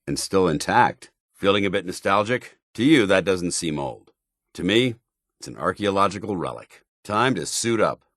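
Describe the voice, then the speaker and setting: An actor playing a stern, dutiful, righteous paladin soldier in a video game, with a clipped, authoritative military delivery. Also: male voice, low voice, lively intonation, moderate pace, a bit bright, dry recording, clean studio sound. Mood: approving, calm. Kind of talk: video game companion voice lines.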